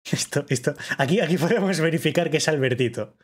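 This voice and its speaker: A man reacting to a livestream clip in casual commentary, excitable and repetitive, often bursting into mock-awed shouts. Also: a little high, quick pace, husky. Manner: excitable, shouts in mock awe, repeats himself.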